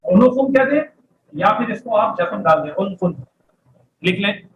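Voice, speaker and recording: A man's voice: high voice, lively intonation, moderate pace, a bit bright, dull audio. A man teaching Arabic words in an echoey classroom. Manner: drills vocabulary, has students repeat words. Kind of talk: classroom lecture. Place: classroom with students and a board. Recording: echoey room, faint background noise.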